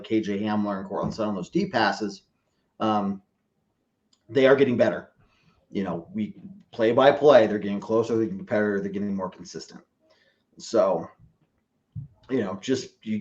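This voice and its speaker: The audio is dull, and the man's voice is fairly low with a darkish tone. A fan appearing on a sports podcast, he gives loose, rambling football analysis, stumbling over hesitations and correcting himself frequently.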